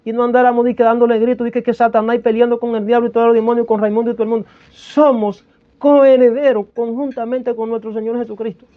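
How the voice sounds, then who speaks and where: A man preaching a fiery sermon with prophecy and tongues, swinging between loud bursts and hushed lines. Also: very high voice, level tone, fast. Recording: tinny phone-like sound.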